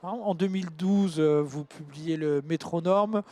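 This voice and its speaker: A man hosting a literary talk, introducing authors and gently prompting them with questions. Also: fairly high pitch, a little slow, no room sound. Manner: relaxed, encouraging, reads guest bios. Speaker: host.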